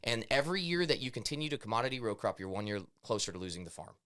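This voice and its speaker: A man's voice: medium pitch, very animated, very fast, background noise. A young man from Missouri, co-hosting a casual podcast and laying out his views on farming at length. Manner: opinionated, explains at length. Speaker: podcast co-host. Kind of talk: casual chat.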